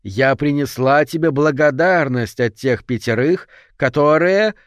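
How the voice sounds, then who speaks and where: A man's voice: on the high side, measured pace, no room sound, clean studio sound, lightly acted. A man voicing a terrified young woman at a seance, with choked, hysterical cries in a story reading.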